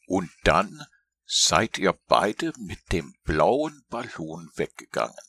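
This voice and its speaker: Deep gravelly man reading a storybook. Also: sing-song, slow pace, bright, forceful tone, dry recording, studio quality. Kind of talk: storybook read-aloud.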